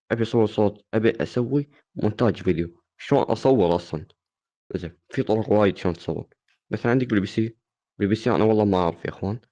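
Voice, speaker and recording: A man's voice: on the low side, mellow, dull audio. A man, hosting a casual, joking tutorial and teasing his viewers. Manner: teasing, playfully insulting. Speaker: gaming channel host.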